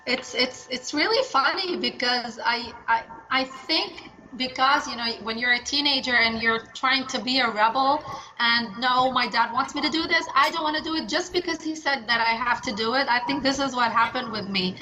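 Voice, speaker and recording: Energetic chatty woman, noisy recording. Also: high voice, normal speed. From Lebanon. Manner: energetic, chatty, many restarts. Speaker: translator and interpreter. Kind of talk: casual interview answers.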